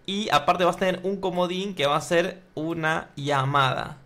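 A man's voice: high-pitched, normal speed, bright, forceful tone. A man streaming a game, hosting a mock quiz show with teasing, announcer-style flourishes.

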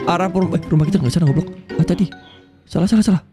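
High-voiced young man yelling over game music. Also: very fast. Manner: loud, swearing, jumpy, teasing his co-player. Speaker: gaming YouTuber. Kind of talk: excited casual Minecraft commentary.

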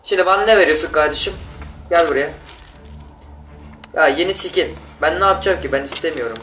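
A man giving casual gameplay commentary, excitable and yelling in bursts during fights, talking to the other players. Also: on the high side, a little fast, recorded from a distance. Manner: talks to other players and teammates. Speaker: gaming YouTuber. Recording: roomy sound, off-mic, loud game music. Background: game music and gunfire.

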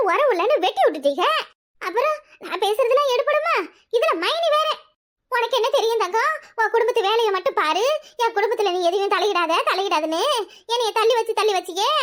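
A woman with a Kanyakumari Tamil accent voicing a married sister in a cartoon, sarcastic and self-pitying. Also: very high voice. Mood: accusing.

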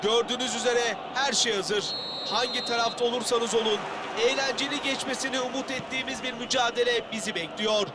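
A man playing an excitable football commentator in a video game, calling the match in short clipped phrases. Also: very high voice, brisk, a loud crowd. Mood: measured excitement. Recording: loud stadium noise behind voice.

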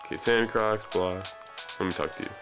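A young man provides off-the-cuff let's play commentary in a lowish voice at normal speed, joking around and poking fun at himself. Video game music plays in the background.

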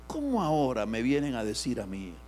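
A man preaches a sermon, his voice in the middle of the usual range for a man. He swings between loud bursts and soft, hushed asides. A low mains hum runs under the recording. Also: huge pitch swings, fairly quick. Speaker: pastor.

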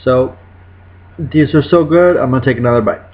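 Chatting at normal speed and medium pitch, a man in his thirties tries snacks at home in a laid-back food review vlog. He wanders off topic and fixes his own words as he goes, recorded indoors through a webcam with dull, lo-fi audio.

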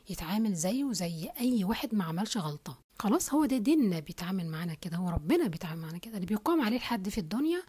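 A woman's voice: medium pitch, a little mellow, husky. A woman with an Egyptian accent giving casual parenting advice to mothers, often speaking straight to the listener and checking that she understands. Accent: Egyptian Arabic. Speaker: family and parenting teacher.

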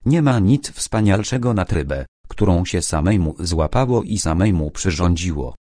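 A man's voice: low voice, animated, normal speed, dark tone, dry recording, studio quality. A man voicing a pompous, self-important middle-aged angler who lectures everyone about fishing. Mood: lecturing. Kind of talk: audiobook character reading.

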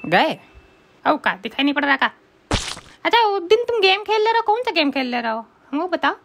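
A woman's voice: extremely high pitch, big pitch swings, a little fast, creaky, fairly bright tone, heavily acted. A woman voicing a cheeky schoolboy who teases his teacher. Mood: chatty. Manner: teasing, cheeky.

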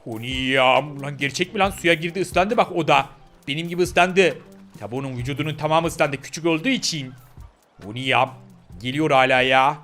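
A man with a high, bright voice who talks bluntly and keeps exclaiming in surprise, with casual swearing thrown in. He voices his own animal character in a gameplay role-play, over faint game music. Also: a little fast. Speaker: gaming YouTuber voicing his character.

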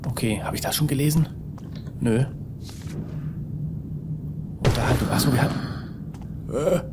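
A man talks his way through a video game in a casual, rambling manner, muttering to himself and letting out fretful sighs. His voice sits at an ordinary middle pitch. There is a clear layer of background noise under the recording. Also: measured pace. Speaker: let's player. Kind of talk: casual gameplay commentary.

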